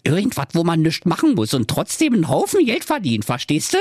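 A man's voice: on the high side, huge pitch swings, fairly quick, darkish tone, no echo, studio quality, voice pushed up. A man voicing a greedy, lazy wife who nags and insults her husband. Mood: smug. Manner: bossy, insulting, crude. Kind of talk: comic fairy tale reading.

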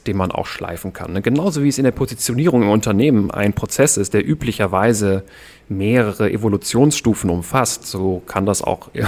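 Calm, measured German man explaining. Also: on the low side. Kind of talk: podcast conversation.

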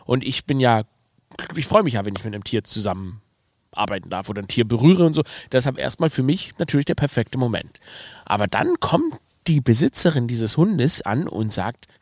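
A man's voice: medium pitch, sing-song, moderate pace, no room sound. A man hosting a podcast in a casual monologue with a nasal voice and a slight cold, rambling and self-mocking with many fillers. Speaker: podcast host and comedian.

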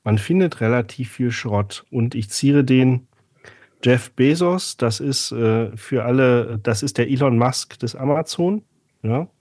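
Dark, husky man chatting on a podcast. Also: medium pitch, unhurried, no echo, clean studio sound. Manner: chatty, sarcastic storytelling with many fillers. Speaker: podcast co-host. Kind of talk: casual podcast chat.

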